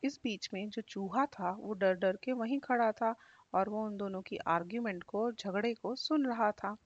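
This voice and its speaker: A woman narrating a children's story at an unhurried, expressive pace. Her voice is medium in pitch. The audio is dry and a little dull. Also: dry recording. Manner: slow, expressive.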